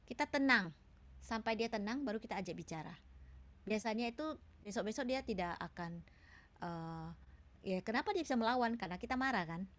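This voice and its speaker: A woman's voice: mid-range voice, expressive, a little fast. A woman giving a webinar talk, patiently answering questions with many hesitations and tag questions. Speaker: seminar speaker. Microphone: video call.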